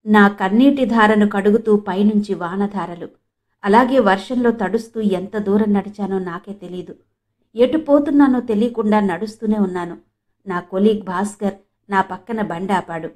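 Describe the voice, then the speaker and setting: A woman's voice: mid-range voice, moderate pace, darkish tone. A woman from Andhra Pradesh narrating a novel in the first person with mournful, emotional storytelling. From Andhra Pradesh, India. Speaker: audiobook narrator.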